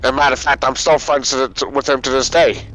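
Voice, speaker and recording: A man's voice: mid-range voice, steady tone, a little fast, a bit bright, low-quality recording. A man guesting on a gaming stream, telling stories in casual chat, rambling with many fillers and frequent laughs.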